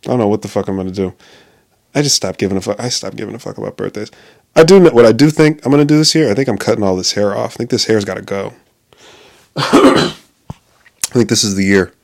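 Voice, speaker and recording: Quick and fairly low, with vocal fry and frequent pauses, this late-twenties man rambles casually on his own, cursing freely, cutting himself off to start over, and laughing at his own remarks.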